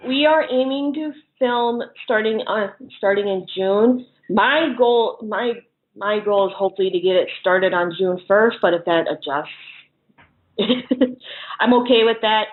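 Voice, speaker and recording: Speaking at a measured pace in a medium-pitched voice, a woman who makes horror films chats casually as an interview guest. Laughter keeps breaking into her giggly talk, which comes through a thin, phone-like narrow line.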